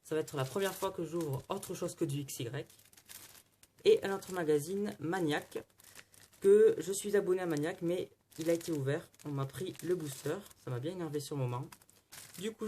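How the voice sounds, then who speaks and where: Slight background noise accompanies a man's brisk, mellow, higher voice as he opens card packs and flips through magazines. As a card-opening vlogger, he keeps the unboxing chat casual with a steady, chatty running commentary.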